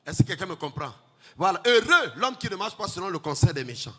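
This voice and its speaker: A male pastor, preaching a sermon in a chanting, sing-song way that builds to shouts. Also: sits high, big pitch swings, fairly quick, slightly rough. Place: church hall. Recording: long hall reverb, faint music.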